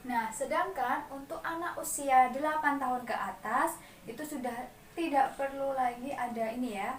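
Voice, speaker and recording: High-voiced woman leading a class. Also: normal speed, a little hiss or hum. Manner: leads group clap chants with the mothers; explains step by step, addresses the group as mothers. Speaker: parenting class facilitator. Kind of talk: classroom training session. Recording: echoey room, distant mic, faint background ambience.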